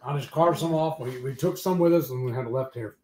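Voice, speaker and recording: Over dinner in his home kitchen, a man co-hosting a livestream talks casually about cooking, relaxed and chatty despite being hoarse from illness. He speaks fairly quickly in a warm, mid-range voice. The sound comes from a fixed camera mic at the table, with an echoey room and slight background noise.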